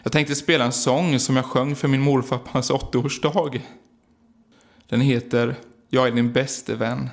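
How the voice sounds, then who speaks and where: A man reading aloud a heartfelt personal remembrance, in a quiet, earnest and reflective way. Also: medium pitch, fairly even intonation, vocal fry. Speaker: singer remembering his late grandfather. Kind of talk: read-aloud personal memorial narration.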